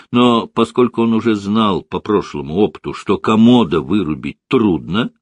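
Expressive male audiobook reader. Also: medium pitch, dry recording. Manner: expressive, storytelling. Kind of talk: audiobook narration.

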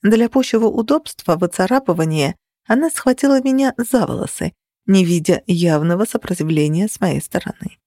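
A woman narrating a first-person fantasy audiobook in an expressive, dryly ironic way. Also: mid-range voice, moderate pace, no echo, studio quality.

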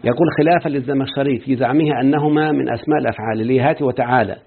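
A man's voice: medium pitch, rapid-fire. A man with an Egyptian Arabic accent giving a classroom grammar lesson, explaining step by step and checking often that students follow. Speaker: grammar teacher. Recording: tinny phone-like husky recording.

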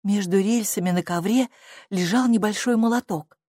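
A woman narrating a storybook in a steady, even reading voice. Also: mid-range voice, moderate pace, no echo, studio quality.

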